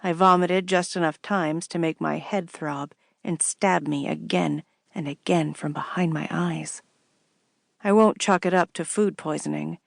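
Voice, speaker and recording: A woman reading a first-person novel aloud in a measured, wry way. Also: fairly low pitch, fairly even intonation, creaky, no room sound, clean studio sound. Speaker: audiobook narrator.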